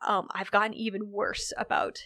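Animated woman guest with a dry close sound. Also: mid-range voice, creaky, no room sound. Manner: animated, laughs often, quick asides. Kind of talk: casual podcast chat.

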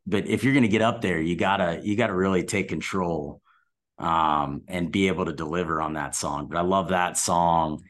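A man's voice: sits low, steady tone, moderate pace. A man chatting casually as an interview guest, easygoing and a little self-deprecating. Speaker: podcast guest.

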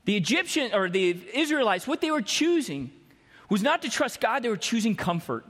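Brief: male pastor, high voice, chatty sermon style, sinks low and slow for emphasis, long hall reverb. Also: very animated, a bit bright. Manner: conversational preaching, slowing and dropping low for emphasis. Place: church hall.

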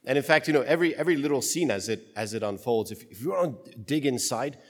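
A man's voice: medium pitch, expressive, fast talker. A priest reading the gospel and then preaching in a casual, joking way, his voice ringing with a long cathedral-like echo. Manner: casual, joking, thinks aloud with restarts.

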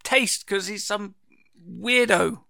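A man's voice: high-pitched, slow pace, vocal fry, bright, forceful tone, no echo. A man making dry, wry quips in a casual chat as a podcast co-host.

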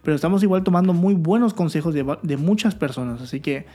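A man's voice: a little high, fast talker, dark tone. A young man, a new father, talking earnestly and candidly to his viewers in a casual vlog. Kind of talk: casual vlog talk to camera.

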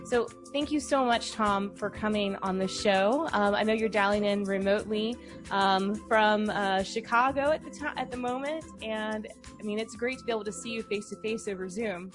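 A woman hosting an interview show, reading a smooth scripted introduction and then chatting loosely with fillers. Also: mid-range voice, moderate pace, hardly any pauses, over music. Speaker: podcast host.

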